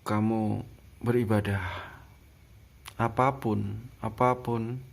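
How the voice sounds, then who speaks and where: A man retelling a frightening personal experience slowly and emotionally. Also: lowish voice, flat delivery, vocal fry. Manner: slow, emotional retelling with pauses. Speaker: vlogger telling a personal experience. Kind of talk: first-person storytelling.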